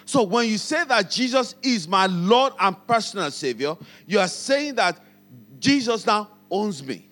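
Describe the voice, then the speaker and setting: High-voiced Nigerian pastor preaching. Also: male voice, lively intonation, measured pace, fairly bright tone. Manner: preaching with call-and-response prompts to the congregation; repeats phrases for emphasis. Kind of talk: sermon.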